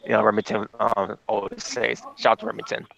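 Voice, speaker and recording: A man's voice: fairly low pitch, little pitch movement, brisk, creaky, a bit bright, lo-fi sound. A man co-hosting a reaction stream, chatting in a laid-back way and chuckling often. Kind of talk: casual chat.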